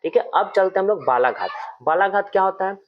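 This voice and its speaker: A man's voice: high voice, expressive, a little hiss or hum. Man teaching grammar, lo-fi audio. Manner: explains slowly, repeats example words with stress; addresses viewers as friends. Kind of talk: online grammar lesson.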